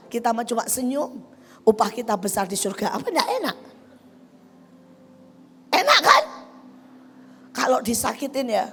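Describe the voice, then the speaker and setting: A middle-aged woman evangelist preaching a sermon, swinging between loud exclamations and hushed asides. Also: on the high side, gravelly. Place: large church hall. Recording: large hall reverb with music behind.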